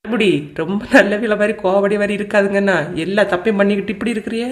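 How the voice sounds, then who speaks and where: A woman's voice: medium pitch, little pitch movement, fast, pitched below the performer's own voice, lightly acted. A woman voicing a teasing adult male brother-in-law in a cartoon story, needling others in a Kanyakumari Tamil accent. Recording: roomy echo.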